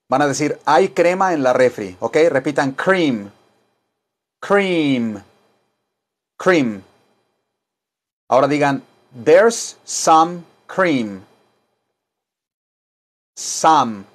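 A man teaching an English lesson, drilling phrases with slow repetition and modeling English sentences. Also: fairly high pitch.

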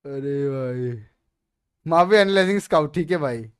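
A man's voice: on the high side, lively intonation, a little slow, clear, resonant tone, no echo, soft background music. A young man from India reacting to memes, swearing and laughing in casual slang. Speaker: meme reviewer. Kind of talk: casual meme reaction commentary.

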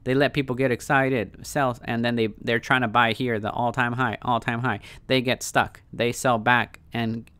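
Slangy crypto-bro man, clear dry voice. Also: mid-range voice, little pitch movement, moderate pace, few pauses, pushed and bright, no room sound. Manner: repeats phrases for emphasis. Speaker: stock trading YouTuber. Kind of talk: casual off-the-cuff trading chart commentary.

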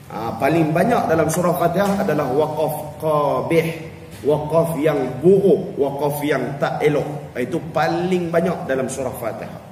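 Malaysian religious teacher in echoey hall. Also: male voice, on the high side, a little mellow, slight background noise. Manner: explains rules, then chants verses slowly to demonstrate. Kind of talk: evening mosque class on Quran recitation. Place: cold air-conditioned prayer hall. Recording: distant, echoey hall with long reverb.

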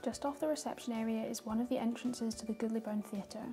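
A young woman narrates a guided tour in a fairly high voice. She is calm and informative, reading prepared lines clearly as a guide would. Music plays behind her. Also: quick pace. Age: young adult. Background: background music.

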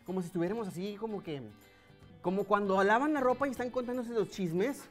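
A woman with a Mexican accent hosting a children's TV show in an animated, playful and teasing way. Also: mid-range voice, a little fast, faint music behind. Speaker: children's TV host.

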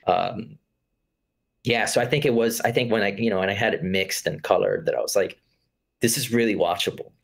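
A man's voice: fairly low pitch, fairly quick, vocal fry. A man in his thirties from Florida, a guest filmmaker talking casually over a video call, laid-back and full of fillers. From Florida, USA. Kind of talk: casual conversation. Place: room with curtained window.

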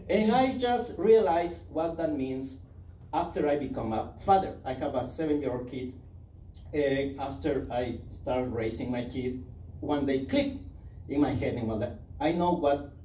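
A thirties-aged Ecuadorian man with a Spanish accent performs an animated, self-deprecating stand-up routine on a comedy club stage indoors, holding a handheld mic. His voice sits high, with a faint hiss or hum. Filmed from the audience, the sound is roomy and distant, with loud ambience.

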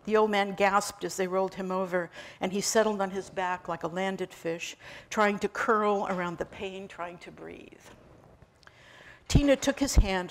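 Lady reading her own book out loud, wry and measured, average pitch. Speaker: author. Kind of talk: reading aloud from a novel.

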